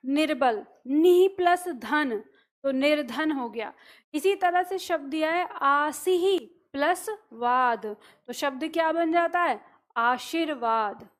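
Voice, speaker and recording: A woman's voice: high-pitched, slow, a bit bright. A woman teacher giving a classroom grammar lesson, patiently asking questions and answering them herself.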